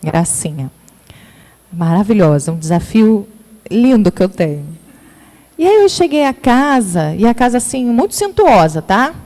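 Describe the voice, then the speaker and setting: A woman's voice: mid-range voice, very animated, measured pace, mellow. A woman in her thirties with a Rio de Janeiro accent gives a spiritist lecture and tells her story by acting out the dialogue. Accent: Rio de Janeiro Portuguese. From Brazil. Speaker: speaker at a spiritist center. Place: spiritist center lecture hall. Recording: long hall reverb.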